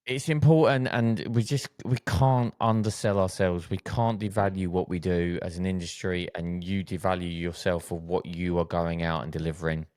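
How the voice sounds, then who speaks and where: A man co-hosting a podcast in casual chat, with a very deep voice. He speaks earnestly and drives his points home by repeating them. The sound is close and dry, with no room echo. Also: fairly even intonation, normal speed, a little mellow. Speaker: podcast co-host.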